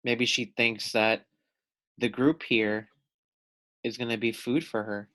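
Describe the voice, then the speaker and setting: A man with a medium-pitched, sharp-toned voice reads a storybook aloud slowly and with level intonation, like a teacher. He reads expressively and speaks directly to young listeners, asking the children questions along the way.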